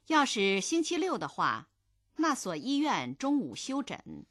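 A woman reading lesson phrases slowly and clearly for learners to repeat. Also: on the high side, wildly swooping pitch, fairly bright tone, no echo, clean studio sound. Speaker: model reader of phrases. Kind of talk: slow drill repetition.

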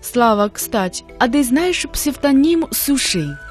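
A woman co-hosting a scripted radio language lesson, slowly explaining words one at a time. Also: sits high, big pitch swings, soft background music. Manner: slow, careful explanations of words.

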